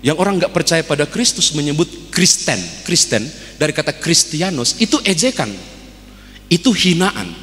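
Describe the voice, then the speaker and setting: A man's voice: high-pitched, a bit bright, long reverb tail. A man with a Manado accent, a pastor preaching a sermon and telling stories to his congregation. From Manado, Indonesia. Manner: storytelling preacher acting out a joke.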